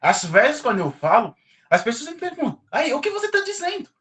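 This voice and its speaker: Here a male guest from Congo talks informally with a class about picking up languages, using English, which isn't his first language. His voice is extremely high-pitched and quick. He comes across as lively and expressive, with frequent laughter.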